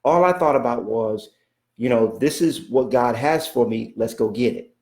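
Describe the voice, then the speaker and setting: A man's voice: medium pitch, moderate pace, a little mellow, roomy sound. A man giving a motivational coaching talk, emphatic and repetitive, often checking in with "okay?" and speaking of God in a preacherly way. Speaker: real estate coach.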